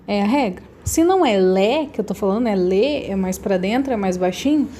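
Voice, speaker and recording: A woman's voice: mid-range voice, dark tone. A Brazilian woman teacher recording a lesson that corrects homework, explaining patiently step by step with rhetorical questions. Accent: Brazilian Portuguese.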